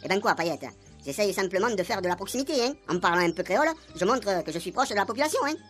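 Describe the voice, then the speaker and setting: A woman's voice: mid-range voice, animated, fast, fairly bright tone, faint music behind, pitched below the performer's own voice, lightly acted. Woman doing a pompous commandant with a Marseille accent. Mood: smug. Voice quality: fumbling Creole, self-satisfied. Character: pompous male gendarme commandant, showing off. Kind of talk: radio drama acting.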